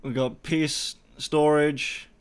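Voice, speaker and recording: An Australian man chatting casually as he plays, excitable and sweary, using eshay slang. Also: fairly high pitch, takes it slowly, clean tone. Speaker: player opening item cases. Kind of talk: casual gaming chat.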